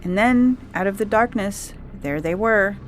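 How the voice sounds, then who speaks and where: Unhurried and lightly acted, a woman's mid-range voice plays an earnest girl witness insisting on what she saw of alien visitors. Music runs under the reading, along with a little hiss or hum.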